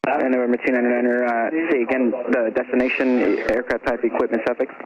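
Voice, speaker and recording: A man's voice: mid-range voice, level tone, a little fast, a crowd in the background. A man working as an air traffic ground controller, giving clipped procedural instructions over a muffled aviation radio.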